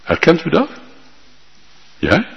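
A male pastor preaching a sermon with fervent emphasis and drawn-out, emphatic lists. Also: fairly high pitch, huge pitch swings, big-room sound, muffled recording.

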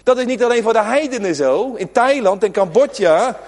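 A man preaching a sermon as pastor, swinging between loud emphatic calls and quiet asides. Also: sits high, animated, normal speed. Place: church. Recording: reverberant church hall.

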